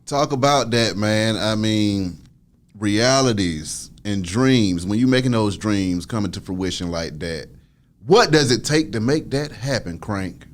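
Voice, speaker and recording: A man hosting a casual interview, hyping his guest up with steady affirmations. He asks his questions in relaxed, slangy speech. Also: fairly low pitch, a little slow. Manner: hyped, encouraging, lots of affirmations. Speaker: interview host.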